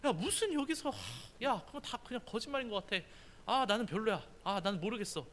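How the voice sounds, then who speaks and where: A man's voice: high voice, big pitch swings, brisk, a bit bright, voice pushed up. A man preaching a sermon, voicing a bored young skeptic who brushes off his friend reluctantly. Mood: dismissive. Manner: reluctant and dismissive.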